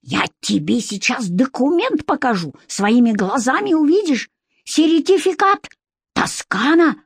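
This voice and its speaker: A woman voicing an excitable male shopkeeper who talks in broken grammar with a thin, squealing voice. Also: sits high, measured pace, breathy edge, no echo, clean studio sound, pitched above the performer's own voice, exaggerated voice. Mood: excited, pleading.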